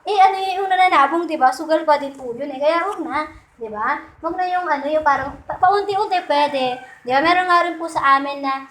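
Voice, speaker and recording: A woman's voice: high voice, brisk, fairly bright tone. A woman with a Filipino accent preaching a Sunday sermon in a conversational way, often asking the congregation "di ba?" and acting out the people she quotes. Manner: acts out quoted people in little voices. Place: church hall. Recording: echoey church hall.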